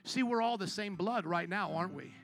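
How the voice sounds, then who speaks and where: A male pastor preaching a sermon, calling out to his congregation for responses and moving from low, quiet passages up to loud shouted peaks. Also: fairly quick, faint music behind.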